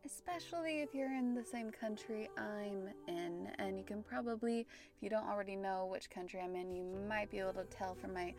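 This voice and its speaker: American woman, gently reflective podcast host. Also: mid-range voice, normal speed, over music. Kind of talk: casual spiritual podcast talk.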